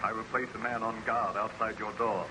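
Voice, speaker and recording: An actor playing a commanding but solicitous ship's captain, formal and declamatory, in an old radio serial. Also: male voice, on the low side, steady tone, a little fast, noisy background, close to an everyday voice. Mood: reassuring. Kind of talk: 1930s-40s radio serial acting.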